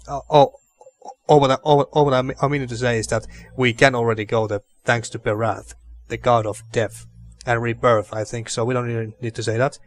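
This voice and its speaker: A man's voice: mid-range voice, flat delivery, a little fast, dry recording. A man hosting a let's play, commenting and reading game text aloud, often repeating and rephrasing himself.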